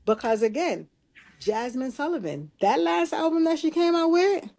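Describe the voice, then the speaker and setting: A woman co-hosting a casual podcast chat, thinking out loud with restarts and emphatic asides. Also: high-pitched, normal speed, vocal fry. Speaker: podcast co-host.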